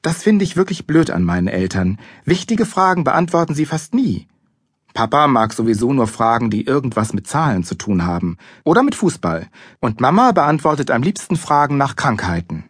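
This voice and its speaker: A man narrating a children's audiobook in lively first-person storytelling. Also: mid-range voice, moderate pace, slightly rough, dry recording, clean studio sound. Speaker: audiobook reader.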